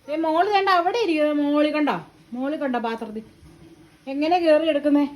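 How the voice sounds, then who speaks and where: A woman's voice: high voice, expressive, brisk, a little mellow. A mother at home talking to her toddler in coaxing, teasing baby talk full of repeated questions.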